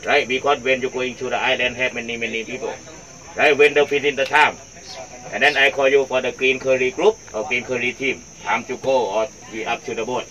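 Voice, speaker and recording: A man's voice: mid-range voice, little pitch movement, a little fast, sharp tone, rough recording. A man with a Thai accent, working as a tour guide and speaking through a face mask. He briefs a boat tour group in broken English, repeating his points.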